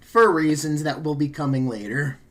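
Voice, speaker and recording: A man's voice: fairly high pitch, normal speed, a bit bright. A man running a tabletop game as game master, casual and rambling, laughing often and correcting himself mid-sentence.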